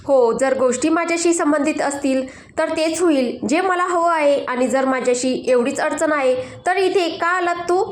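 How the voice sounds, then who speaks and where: A woman's voice: high-pitched, normal speed, roomy sound, voice pushed up, natural voice. A woman voicing a furious domineering husband. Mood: angry. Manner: harsh, accusing, shouting. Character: angry domineering young husband. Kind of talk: storybook narration.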